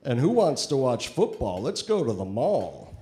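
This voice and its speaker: A man's voice: mid-range voice, big pitch swings, normal speed, warm tone, a little hiss or hum, natural voice. A man voicing a talking husband doll with mock-sincere, raised lines in a comedy club set. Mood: sugary.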